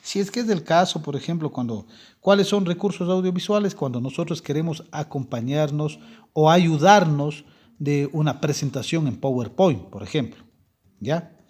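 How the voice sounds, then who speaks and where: A man's voice: a little high, moderate pace, a little mellow. A young adult man teaching a language class, explaining step by step and often checking in with his students. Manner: frequent self-corrections and restarts. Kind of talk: classroom lecture.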